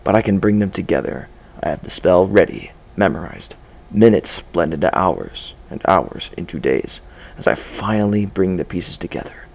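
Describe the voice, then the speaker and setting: A man reading a dark first-person story aloud in a measured, low-key way. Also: expressive, gravelly. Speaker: story reader. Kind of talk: first-person fan-fiction narration.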